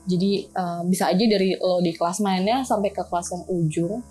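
A woman's voice: on the low side, fairly even intonation, brisk, warm tone, faint music behind. A woman co-hosting a casual chat, musing and thinking aloud with lots of fillers.

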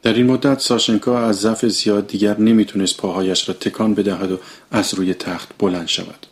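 A man's voice: fairly low pitch, level tone. A man reading a story aloud as an audiobook, sharing narration and character lines.

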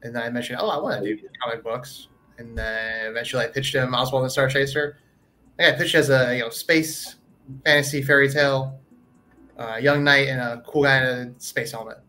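A man, a guest in a casual interview, telling stories in a relaxed, laid-back way. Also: mid-range voice, fairly quick, faint music behind. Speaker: comic writer, guest.

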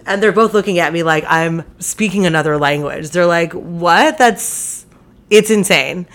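A woman's voice: lowish voice, fairly bright tone. A young woman casually retelling a night out, chatty and exasperated, with many fillers. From New York. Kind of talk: casual storytelling.

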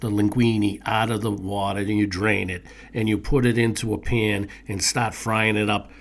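Gravelly man gushing about food. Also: on the low side, little pitch movement, moderate pace. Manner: enthusiastic, rambling with restarts. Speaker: co-host of a food show. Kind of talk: casual chat.

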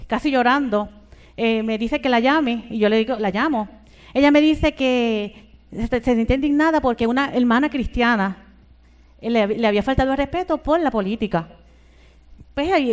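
A woman's voice: a little high, darkish tone. An older Puerto Rican woman preaching a sermon, who fills every phrase with fervent church exclamations and asks her listeners for agreement.

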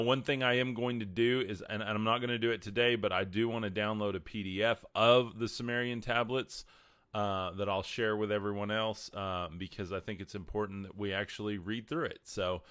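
A man's voice: fairly low pitch, fairly bright tone, clear, resonant tone, no room sound, clean studio sound. A man with a twangy West Texas accent, talking casually as a livestream host and answering viewers.

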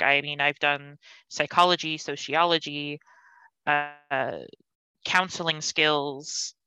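Young woman guest, deep for a girl, crisp and bright, dry close sound, super earnest. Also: dry recording, low-quality recording. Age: young adult. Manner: earnest, articulate, thoughtful. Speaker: podcast guest. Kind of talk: casual conversational interview.

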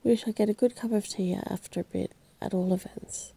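A woman softly voicing a blunt, brisk middle-aged housekeeper in a whispered role-play bedtime reading. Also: mid-range voice, steady tone, vocal fry, slightly rough. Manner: blunt, matter-of-fact.

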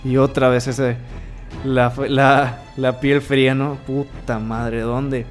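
A man's voice: mid-range voice, flat delivery, slow, faint music behind. A man with a Mexican accent in casual chat, telling a story vividly and acting out voices and sound effects. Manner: vivid storyteller who acts out quotes and sounds. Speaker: co-host telling a party story.

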